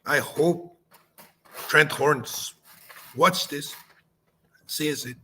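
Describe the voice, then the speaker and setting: Man with a Chilean Spanish accent, native Spanish speaker; slow, halting delivery with fillers; slightly raised pitch. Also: bright, forceful tone, slight background noise. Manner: halting, many fillers and restarts. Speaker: channel host. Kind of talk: spoken video response.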